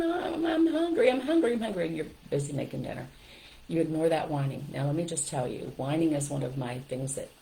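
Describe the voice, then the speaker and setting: Older lady parenting coach, kinda low voice, straight-talking, keeps saying okay. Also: poor audio. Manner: direct, lively, repeats "okay?" and "right?". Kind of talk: advice talk to parents.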